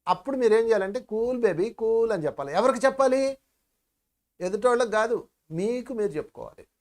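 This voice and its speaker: A man teaching meditation in a spiritual discourse, telling stories with lively emphasis and addressing listeners as friends. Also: sits high, quick pace.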